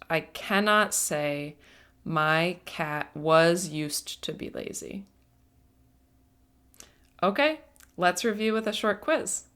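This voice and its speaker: A woman teaching an English grammar lesson, speaking patiently and deliberately and stressing each word. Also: lowish voice, a bit bright. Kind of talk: slow, careful grammar lesson.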